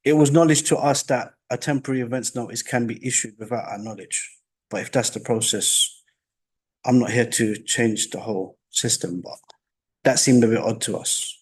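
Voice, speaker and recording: A soft-spoken, hesitant man making his case as an applicant before a council licensing committee. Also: mid-range voice, normal speed, husky. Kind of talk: formal hearing testimony. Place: council meeting room. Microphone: meeting room microphone.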